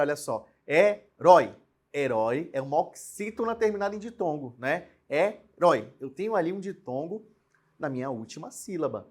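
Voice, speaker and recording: A young man with a fairly high, slightly rough voice teaches a recorded grammar lesson in a lively, explanatory way. He varies his emphasis and keeps posing rhetorical questions to the viewer, often tacking on a quick "né?".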